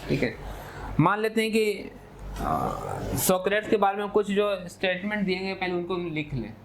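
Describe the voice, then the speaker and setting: A man teaches a math class in a patient, step-by-step lecture, repeatedly checking in with "ठीक है" (okay) and switching into English for key terms. His voice is high-pitched and very animated at normal speed, with slight background noise.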